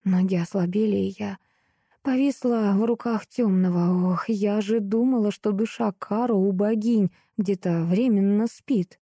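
A woman narrating a first-person audiobook in an expressive, storytelling way. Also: medium pitch, unhurried, no room sound, clean studio sound.

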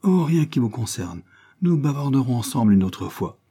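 A man's voice: mid-range voice, big pitch swings, moderate pace, dark tone, husky, voice pushed up. A man reading an audiobook, voicing a proud, scheming young woman servant who speaks indignantly and defiantly. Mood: pleading.

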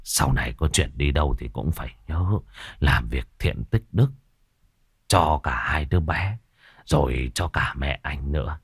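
A man voicing an old village sorcerer in an audiobook, with a husky voice and slow, solemn advice. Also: a bass voice, no echo, clean studio sound, full character voice. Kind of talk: audiobook character voice.

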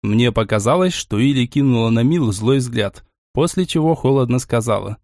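A man narrating a first-person audiobook in an expressive storytelling manner. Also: medium pitch, normal speed, no echo, studio quality.

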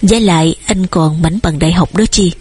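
A woman's voice: fairly low pitch, moderate pace, a little mellow, natural voice. A woman reading an audiobook, voicing a stern male police officer in a formal, admonishing way and close to her own voice.

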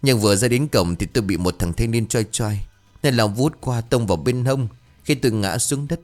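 A man's voice: medium pitch, moderate pace, faint music behind, lightly acted. A man doing a pained injured wife. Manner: plaintive. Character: injured middle-aged wife, weak and pained.

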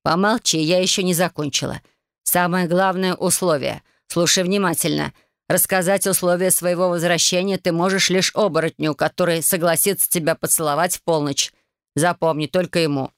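A woman voicing an irritable, bossy female fairy who scolds slowly and impatiently. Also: fairly low pitch, fairly even intonation, no echo, clean studio sound, natural voice. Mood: scolding.

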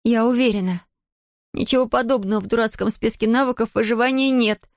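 A woman voicing a spirited, stubborn nine-year-old girl in an audiobook, with high, indignant outbursts. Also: steady tone, fairly quick, no room sound, clean studio sound, natural voice. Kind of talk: audiobook character voice.

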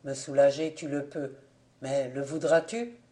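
A man reading an audiobook voices the ghost of a young soldier, speaking in a hushed, slow and mournful way. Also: mid-range voice, steady tone, natural voice. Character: ghost of a young male soldier, sorrowful and weary.

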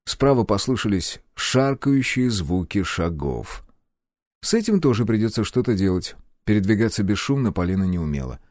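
A man narrates a first-person audiobook in a low, mellow voice. His delivery is calm and measured, yet his intonation moves a lot. The recording is dry and close. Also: dry recording.

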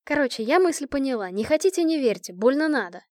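A woman's voice: high-pitched, sing-song, fairly quick, a little mellow, dry recording, clean studio sound, voice pushed up. A woman voicing a hot-tempered, blunt young female commander. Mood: heated.

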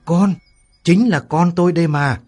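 A man voicing a hot-tempered older woman, a rich silk merchant's wife who yells and scolds. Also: lively intonation, a little fast, close to an everyday voice. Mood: overjoyed. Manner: shrill, yelling and scolding.

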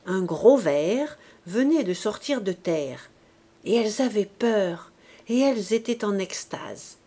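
Slow, mellow woman reading a novel. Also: mid-range voice. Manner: calm, measured reading. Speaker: audiobook reader. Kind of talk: scripted narration.

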